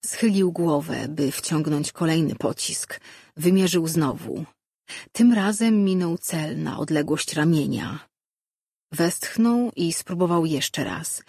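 An audiobook narrator reading a fantasy story in a steady, measured way. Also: medium pitch, breathy edge, dry recording, clean studio sound.

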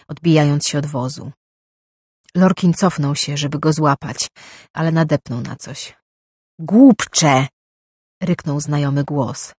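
An audiobook narrator reading a novel with steady, measured scripted narration. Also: medium pitch, husky, no room sound, studio quality.

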